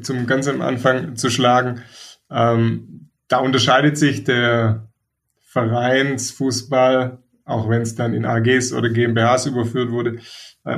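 A man discussing football club youth policy in a measured, reflective way, pausing often to find his words. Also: medium pitch, a bit bright. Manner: measured, reflective, frequent hesitations. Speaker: podcast co-host, football pundit. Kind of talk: casual discussion.

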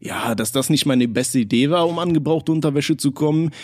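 Man reading a defensive, bewildered young hustler in a bawdy tale, husky. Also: fairly high pitch, brisk, dry recording, studio quality, lightly acted. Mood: puzzled.

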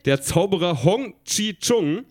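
A man's voice: sits high, expressive, takes it slowly, darkish tone. A man on a live stage reading aloud his own childhood story, amused and laughing along. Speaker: reader at a live reading show. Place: live stage before an audience.

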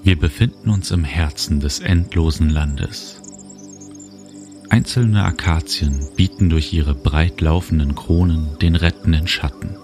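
A man narrating a guided relaxation journey, speaking slowly and soothingly. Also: a bass voice. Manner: slow, calm, soothing. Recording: music bed under voice. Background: music and cricket sounds.

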